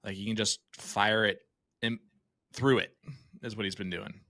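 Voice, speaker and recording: Joking male darts commentator, bright voice. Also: fairly low pitch, steady tone, moderate pace, dry recording, clean studio sound. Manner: joking, banter-filled. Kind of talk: live sports commentary.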